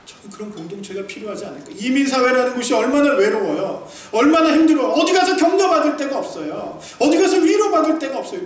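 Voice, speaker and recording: Animated Korean man preaching in an echoey hall. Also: high-pitched. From South Korea. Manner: animated preaching, rising to emphatic peaks then dropping to quiet asides; acts out quoted remarks with humor. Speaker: pastor. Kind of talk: sermon. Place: church sanctuary. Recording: echoey distant hall recording with faint noise.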